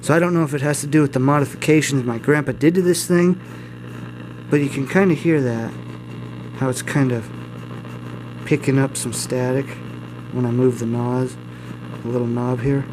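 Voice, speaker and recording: A mid-range male voice at a moderate pace, pausing often, belongs to a hobbyist video host doing a hands-on demonstration. He keeps it casual and informal, drifts a little, and jokes at his own expense. The audio carries steady mains hum, room noise, electrical hum, and faint static.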